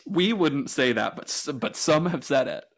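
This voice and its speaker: A man's voice: a little high, lively intonation, normal speed. A man co-hosting a podcast, joking in a mock-formal, self-mocking way and laughing often. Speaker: podcast co-host. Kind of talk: casual comedic chat.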